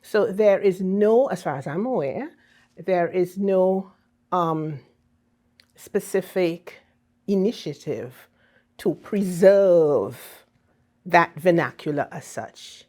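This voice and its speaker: Female interviewee, St Vincent accent, fairly low voice, teacherly and emphatic, checks the listener is following. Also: slow, warm tone. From Saint Vincent and the Grenadines. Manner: teacherly, emphatic, often checks with "okay?" and "right?". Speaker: ambassador being interviewed. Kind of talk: explanatory interview answers.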